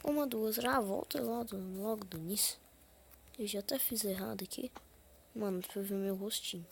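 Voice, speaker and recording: A woman commenting on her own gameplay in a casual, unhurried way, her voice gravelly with vocal fry. She counts under her breath and slips into whispered asides, then bursts out loudly when things go wrong. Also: medium pitch, slight background noise. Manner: sudden loud frustrated outbursts. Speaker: gaming channel host.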